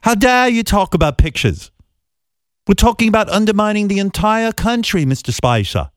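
Scolding female British interviewer, put on by a man, slow, outraged, lively pitch, dry sound. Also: dry recording.

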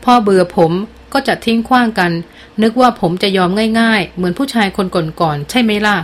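In an audiobook, a cocky teenage boy, as a woman reads him taunts and needles with a sarcastic edge. The voice sits at an ordinary middle pitch. He pushes his point without backing down. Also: moderate pace, natural voice. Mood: taunting. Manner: mocking, provoking. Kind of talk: audiobook character voice.

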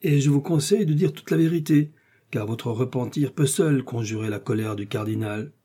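A man's voice: medium pitch, moderate pace, dark tone, breathy edge, voice pushed up, close to an everyday voice. A man voicing a stern, suspicious police commissioner who interrogates in a storybook reading.

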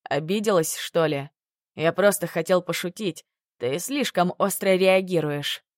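A woman's voice: lowish voice, unhurried, no echo, studio quality, close to an everyday voice. Woman putting on a curt mocking man. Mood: dismissive. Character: gruff domineering young man, curt and mocking.

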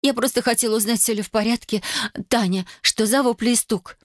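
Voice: medium pitch, fairly even intonation, a little fast, dry recording, studio quality, pitched above the performer's own voice, close to an everyday voice. Narrator voicing a nosy flustered middle-aged woman. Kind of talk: audiobook reading.

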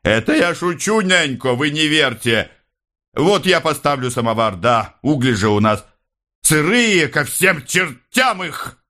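A man doing a gruff, teasing young worker. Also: fairly high pitch, sing-song, a little slow, sharp tone, pitched above the performer's own voice, full character voice. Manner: mock-grumbling, teasing. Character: gruff, joking, good-hearted young man.

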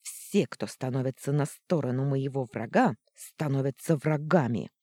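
A cold, vengeful young woman sneers her threats, as a female narrator puts her on. The voice sits low and husky, with a dry, close sound. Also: normal speed, warm tone, no room sound. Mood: gloating. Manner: hissing, sneering.

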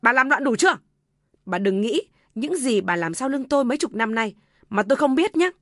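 A woman voicing a quiet, stern older father who commands with weight. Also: fairly high pitch, steady tone, brisk, creaky, no room sound, clean studio sound. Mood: stern anger.

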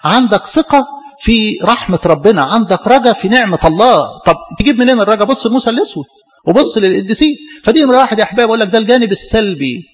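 Egyptian priest man preaching, talks quick, high voice, acts out people's lines, lots of questions. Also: long reverb tail, highs cut off. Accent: Egyptian Arabic. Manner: animated, asks rhetorical questions and acts out listeners' voices. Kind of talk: sermon.

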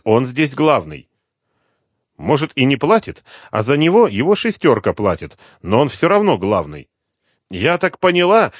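A brash young woman in her twenties, voiced by a male reader, her voice lifted high and swinging widely as she snaps and mocks. Her voice is shrill and defiant. The recording is dry and close. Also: no room sound. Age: 20s. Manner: shrill, snapping, mocking. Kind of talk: audiobook character voice.

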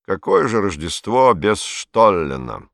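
A man's voice: low voice, very animated, slow pace, vocal fry, a bit bright, dry recording, studio quality, full character voice. A man voicing an authoritarian male leader, genial on the surface but icy and imperious. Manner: imperious, with sudden cold edges.

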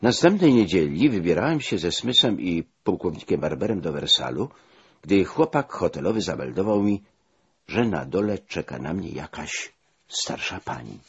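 Male memoir reader, low and husky, lively intonation, dull lo-fi audio. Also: normal speed. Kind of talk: first-person memoir reading.

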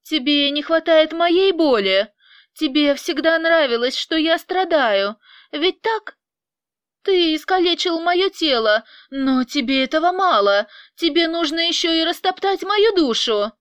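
A woman voicing a distraught, defiant young mother with shrill, tearful outbursts. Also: animated, unhurried, fairly bright tone, no echo, clean studio sound. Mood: anguished.

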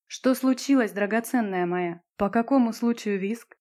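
A woman's voice: fairly high pitch, moderate pace, a little mellow, lightly acted. A cocky teenage schoolboy teasing the girls with irony, as a woman reads him out. His tone is mocking and smug. The reader keeps her own voice. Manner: ironic, teasing.

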